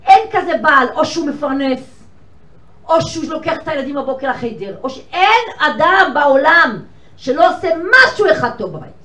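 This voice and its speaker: Before an audience of women in a lecture hall, an older woman gives a lively storytelling lecture, acting out conversations with big swings in pitch and volume. The recording is echoey and distant, with faint noise.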